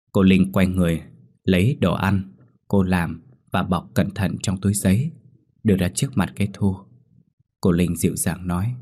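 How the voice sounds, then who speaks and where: A man narrating a ghost story in a steady, somber manner. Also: low-pitched. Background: faint music.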